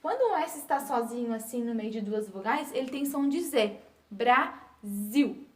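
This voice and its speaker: A woman teaching a recorded lesson to young children, telling and explaining in a slow, sing-song way with drawn-out words. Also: fairly high pitch, expressive. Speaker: primary school teacher. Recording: echoey room.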